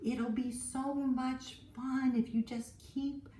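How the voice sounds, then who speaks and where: A woman teacher reading a picture book to young children in a gentle, encouraging way. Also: high-pitched, level tone, takes it slowly, recorded from a distance, a little hiss or hum. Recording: roomy echo.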